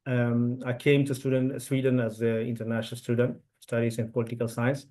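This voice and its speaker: A man from India who speaks Telugu natively gives an online webinar talk as an event speaker, full of fillers and restarts. His mid-range voice is monotone, brisk and warm in tone, picked up by a computer mic on a video call.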